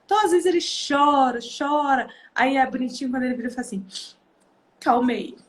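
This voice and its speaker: A Brazilian woman with a fairly high-pitched voice tells stories from home in a relaxed, conversational way. She hosts a parenting talk and keeps the tone animated, acting out the voices of her children as she goes. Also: fast talker. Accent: Brazilian Portuguese. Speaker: parenting video host. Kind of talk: casual storytelling to viewers.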